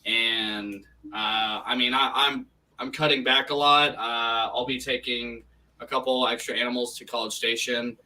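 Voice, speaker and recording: Heard from a distant mic with a little background noise, a male podcast co-host talks casually at a somewhat slow pace, his medium-pitched voice steady yet sharp. He rambles and keeps restarting, and the poorly set up home mic leaves him sounding tinny, as if through a tin can.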